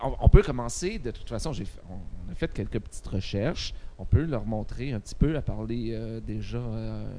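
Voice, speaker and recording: A man's voice: fairly low pitch, normal speed, hardly any pauses, warm tone, a little hiss or hum. A man co-hosting a radio show, chatting casually with frequent hesitations and laughs. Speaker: radio co-host.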